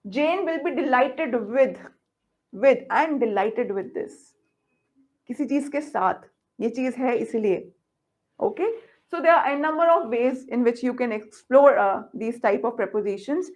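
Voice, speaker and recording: A woman teaching English grammar, mixing Hindi and English and checking in with "okay?" after each example. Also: sits high. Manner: explains by example sentences, often asks "okay?".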